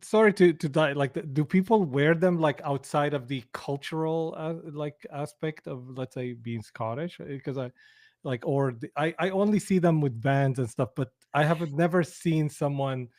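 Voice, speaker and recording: Guy from syria, arabic native, slightly high voice, curious, keeps restarting his questions. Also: moderate pace, darkish tone. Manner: curious, asks questions, restarts sentences often. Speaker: podcast co-host. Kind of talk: casual conversation.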